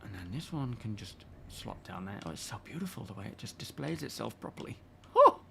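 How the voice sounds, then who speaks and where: A man's voice: on the low side, very animated, a little fast, gravelly, sharp tone, a little hiss or hum. A man live-streaming a game, chatting casually and rambling while greeting his viewers by name. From United Kingdom.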